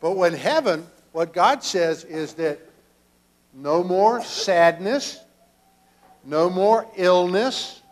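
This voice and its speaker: Older male pastor, children's sermon, slow and halting delivery, fairly high voice, church sanctuary. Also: animated. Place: church sanctuary, children seated around him.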